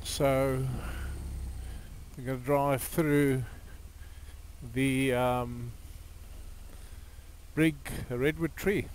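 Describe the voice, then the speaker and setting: South African man riding on a highway. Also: level tone, rough recording. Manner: halting, many fillers and restarts. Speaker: touring cyclist vlogger. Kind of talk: casual travel commentary. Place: on a motorbike on a coastal highway outdoors. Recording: road and engine noise.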